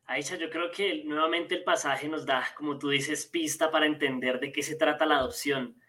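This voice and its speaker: Bright-voiced man reading scripture. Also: on the high side, fairly even intonation, moderate pace. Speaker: panel guest.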